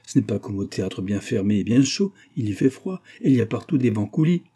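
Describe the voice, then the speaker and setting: A man's voice: lowish voice, big pitch swings, brisk, warm tone, husky. A man reading a classic novel aloud, voicing an old, devoted nursemaid who soothes and fusses over the girl she raised. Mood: fussing. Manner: soothing, fussing. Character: old devoted female nurse, gentle and fussing.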